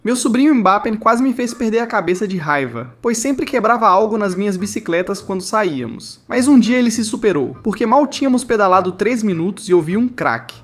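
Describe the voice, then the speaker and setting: A man narrating funny family anecdotes with animated, exaggerated comic delivery. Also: high-pitched, brisk, hardly any pauses. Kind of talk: scripted comedic story narration.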